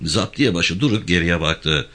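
A man narrating a story with an expressive reading. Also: low voice, normal speed. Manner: expressive, lively delivery. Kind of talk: storytelling read-aloud.

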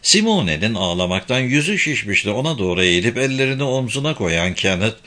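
A man reading a novel aloud in a measured, even storytelling manner. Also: lowish voice. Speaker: narrator. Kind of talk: audiobook narration.

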